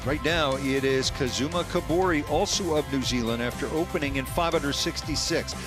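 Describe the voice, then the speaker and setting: A man giving live golf commentary as a broadcast host, with polished, measured announcing. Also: fairly high pitch, over music.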